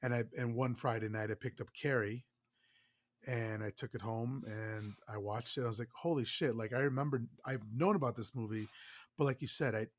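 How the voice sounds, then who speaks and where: Briskly and in a steady mid-range voice, a man co-hosts a podcast with a stuffed-up, nasal sound from his blocked nose. He chats casually, full of enthusiasm and cursing without restraint.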